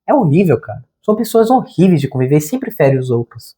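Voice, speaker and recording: A man's voice: a little high, big pitch swings, fast talker, warm tone. A man, a therapist and channel host, giving an informal spiritual talk to camera in a slangy, conversational way. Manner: informal and conversational, slangy, says "cara" often.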